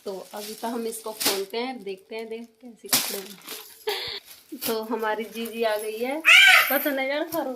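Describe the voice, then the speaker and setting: A woman's voice: a little high, a little slow. A woman chatting to her viewers as friends while vlogging farm and home life. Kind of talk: casual village vlog narration. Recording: noisy outdoor phone recording.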